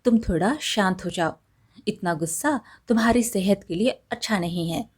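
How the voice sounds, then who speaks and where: A woman voicing a gentle young husband who calms his mother and comforts his wife in a storybook tale, soothing and reassuring. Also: mid-range voice, normal speed, breathy edge, close to an everyday voice. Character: gentle young husband and son, calm peacemaker.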